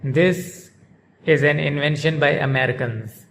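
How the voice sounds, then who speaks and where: A man hosting a pronunciation lesson, repeating words slowly and deliberately. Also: a little high, a bit bright, slight background noise. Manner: slow, deliberate repetition of words. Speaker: pronunciation channel host.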